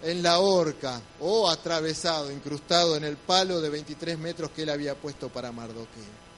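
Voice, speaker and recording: A man's voice: a little high, fairly bright tone, a little hiss or hum. A man with a Rioplatense accent preaching a sermon, retelling a scripture story and asking the congregation questions. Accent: Rioplatense Spanish.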